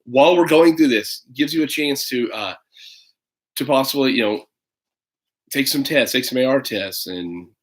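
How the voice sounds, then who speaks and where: Reading a storybook for kids online, a parent in his thirties also chats casually, wandering off with hesitant, playful tangents. He has a mid-range voice, a normal pace, and pauses often.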